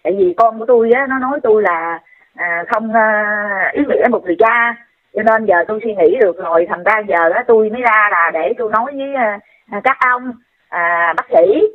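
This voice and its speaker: A woman voicing a remorseful father, confessing haltingly to doctors. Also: mid-range voice, natural voice. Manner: halting, full of hesitations. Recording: tinny phone line.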